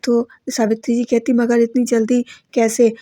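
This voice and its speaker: A woman's voice: on the high side, completely flat delivery, normal speed, dark tone, no echo. A woman casually retelling a TV serial episode, quoting each character in her own plain voice. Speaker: voice-over narrator recapping a TV serial. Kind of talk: casual spoken recap.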